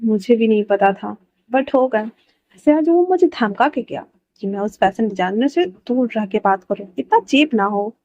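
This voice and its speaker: A woman voicing a young male cancer patient who cries and pleads in a higher voice. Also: animated, normal speed, darkish tone, highs cut off. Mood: shy, sulky. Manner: crying, pleading and higher-pitched.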